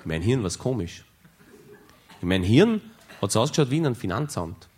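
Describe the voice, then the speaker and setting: A man with an Austrian German accent performing a stand-up monologue, telling a rambling story in a deadpan way with hesitations. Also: fairly low pitch, moderate pace, slight background noise. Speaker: comedian.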